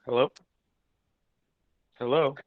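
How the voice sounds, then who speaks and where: Brief: halting man on a remote call, glitchy breaking-up audio, thin and tinny line. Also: mid-range voice, steady tone. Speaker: board member. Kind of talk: remote meeting question. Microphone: remote video call.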